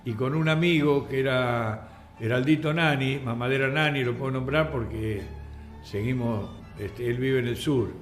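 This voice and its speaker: An older man with an Argentine accent, a radio guest telling anecdotes in a lively way and acting out the voices in his stories. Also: mid-range voice, moderate pace. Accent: Argentine Spanish. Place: radio studio. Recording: roomy radio studio with faint music.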